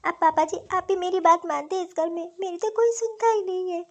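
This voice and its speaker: Woman doing a squeaky wronged young wife, cartoon, complaining. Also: brisk. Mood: aggrieved. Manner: complaining, plaintive. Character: wronged young daughter-in-law, hurt and tearful. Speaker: cartoon voice actor. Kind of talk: storybook cartoon dialogue.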